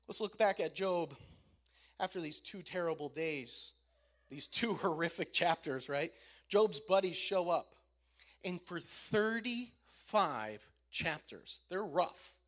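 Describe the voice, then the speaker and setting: A man's voice: on the high side, animated, slow pace, fairly bright tone. A man who works as a youth minister, preaching an emphatic sermon and repeating key lines for emphasis. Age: adult.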